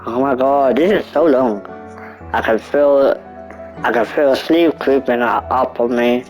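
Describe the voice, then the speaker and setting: A nineteen-year-old man reads game text aloud at an unhurried pace, tripping over words and restarting. He keeps breaking off into joking asides between lines. Faint game music plays underneath. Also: mid-range voice, darkish tone, rough recording. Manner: halting, stumbling reading with asides and chuckles. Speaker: gaming YouTuber. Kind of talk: reading a visual novel aloud with commentary.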